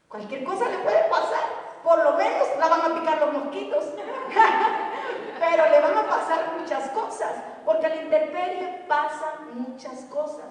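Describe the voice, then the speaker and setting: A woman pastor, preaching a lively sermon and asking the congregation questions. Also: sits high. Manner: lively, talks straight to the congregation with rhetorical questions. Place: church. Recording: echoey church hall from far off.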